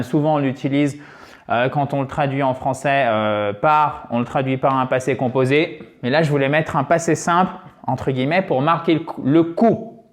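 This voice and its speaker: Patient online English teacher, a native French speaker with a mid-range voice who models phrases slowly. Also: mid-range voice. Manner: explains patiently, checks with frequent "ok?". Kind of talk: online language lesson.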